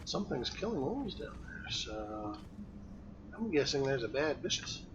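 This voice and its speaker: A man's voice: mid-range voice, sing-song, measured pace, highs cut off, noisy background. A man playing a video game on a live stream, chatting casually and joking as he explores. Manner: playful, joking. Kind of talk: casual gameplay chat.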